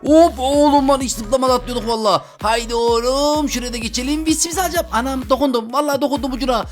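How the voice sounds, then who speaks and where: A young man hosting a game video, commentating his play, chatty and slangy with sudden loud exclamations. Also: extremely high pitch, quick pace, soft background music. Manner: excitable, loud outbursts and frequent exclamations; talks to viewers as friends, slangy. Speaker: gaming video host. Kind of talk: Roblox gameplay commentary.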